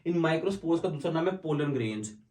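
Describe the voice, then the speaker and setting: A male biology teacher giving a classroom lecture, asking and answering his own questions and slowing down to dictate definitions. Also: on the high side, expressive, a little mellow. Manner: explains in mixed Hindi and English, asks and answers his own questions; slows down to dictate English definitions. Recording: echoey room from far off.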